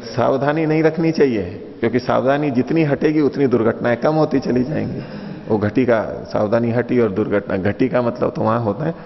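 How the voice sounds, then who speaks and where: A man's voice: medium pitch, moderate pace, vocal fry. A man teaching philosophy in a patient lecture, repeating and rephrasing his points and asking the listeners questions. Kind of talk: explanatory lecture with stories. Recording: dull lo-fi recording in a reverberant hall.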